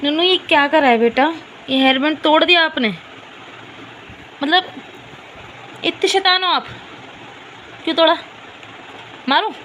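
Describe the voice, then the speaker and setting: Bright high-voiced young mother scolding. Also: unhurried, pauses often, slight background noise. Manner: scolding and coaxing a small child. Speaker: vlogger and mother. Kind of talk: casual home vlog, talking to her child and viewers. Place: home, indoors.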